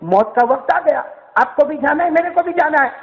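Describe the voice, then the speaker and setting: A man's voice: extremely high pitch, expressive, pitched above the performer's own voice. A male preacher voicing a grieving young daughter at her father's deathbed, pleading with him through wailing questions. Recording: muffled, lo-fi, reverberant hall.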